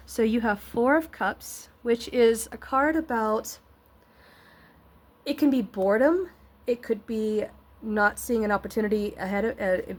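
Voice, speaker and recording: A woman with a fairly high, slightly scratchy voice hosts a tarot reading, speaking a little slowly in a casual, encouraging way. She sounds nasally congested, as if recovering from an illness, and rambles while searching for words.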